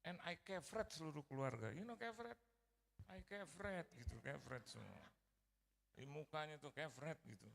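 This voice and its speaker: A man's voice: on the high side, lively intonation, moderate pace, creaky, fairly bright tone. A middle-aged male pastor preaching a sermon as a personal story, acting out quoted voices and mixing in English phrases. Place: large church hall. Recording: church hall reverb.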